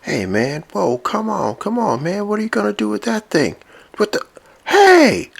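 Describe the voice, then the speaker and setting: A man voicing an indignant male robot toy who whines and yells about his parking spot, far above his own voice. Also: normal speed, vocal fry, husky, full character voice. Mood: panicked. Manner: shrill, whiny and yelling.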